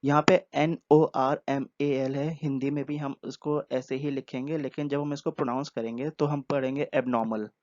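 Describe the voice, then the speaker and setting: A man giving a word-by-word vocabulary lesson, patient, repeating each word and explaining it slowly. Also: medium pitch, a little mellow, no echo. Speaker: English vocabulary teacher. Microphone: earphone mic. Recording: dull lo-fi earphone recording.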